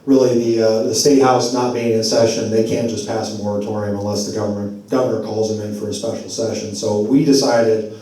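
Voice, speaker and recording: Male speaker at a public meeting, mellow tone, casual and digressive, voice wearing thin, heard from afar in a very echoey room. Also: lowish voice, flat delivery, fairly quick. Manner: conversational, loose and digressive. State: losing his voice. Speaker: advocacy group speaker at a community forum. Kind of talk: public address at a community meeting. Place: church meeting hall. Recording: very echoey hall, voice far from mic.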